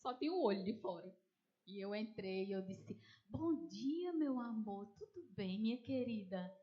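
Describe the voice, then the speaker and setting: Muffled audio carries a woman's medium-pitched voice at normal speed. She has a Northeastern Brazilian Portuguese accent and preaches a testimony, telling it with animation, voicing the people in the story and calling her listeners dear ones.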